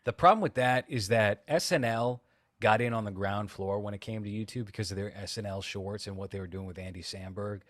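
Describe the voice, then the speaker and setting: A man's voice: fairly low pitch, a little fast, fairly bright tone, no echo, clean studio sound. A man co-hosting a podcast in casual chat, blunt and rambling, swearing freely. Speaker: podcast co-host.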